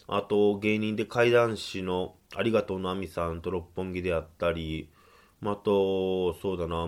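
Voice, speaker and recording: Chatty young man with a Kansai accent. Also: lowish voice. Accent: Kansai Japanese. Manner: chatty, self-deprecating, lively storytelling. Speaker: radio show host. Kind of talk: casual radio monologue.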